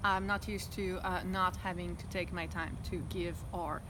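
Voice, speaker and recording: Her fairly low-pitched voice stays fairly even in intonation, at a moderate pace. She's a French-speaking Belgian in her 30s, an interviewee giving a candid, reflective and talkative personal interview outside her house, filmed with a phone camera amid traffic noise.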